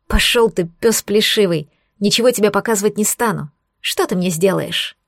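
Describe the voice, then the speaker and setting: A woman's voice: medium pitch, normal speed, gravelly, no room sound, studio quality, natural voice. A woman reading as a defiant young heroine. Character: defiant young heroine with ice magic, sharp-tongued.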